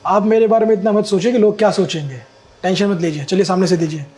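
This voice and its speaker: Earnest lecturing young man, high voice. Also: fairly even intonation, fast talker, warm tone, slightly rough. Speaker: customer, later doctor. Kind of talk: short social-message skit.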